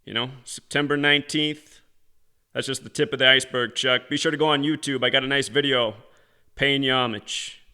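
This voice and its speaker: A man's voice: mid-range voice, fairly even intonation, brisk, pushed and bright, clear, resonant tone. A man leaving a voicemail on a phone, speaking in a sarcastic, mock-admiring way. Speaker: channel host.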